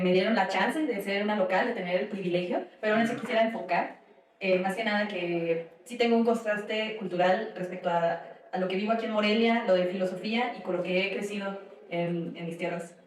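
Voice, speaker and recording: A woman's voice: mid-range voice, fairly quick, heavy reverb, far from the mic. A young woman from Michoacán, a guest student chatting casually and hesitantly with many fillers. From Michoacán, Mexico. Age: young adult. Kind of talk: casual conversation.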